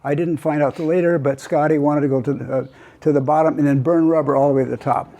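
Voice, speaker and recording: An older American man with a slightly high-set voice tells a rambling grandpa story. He speaks casually and hesitantly, drifting off into small detailed asides as he remembers. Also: fairly even intonation, quick pace, warm tone. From Southern California. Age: older, 80s. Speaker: grandfather telling his life story.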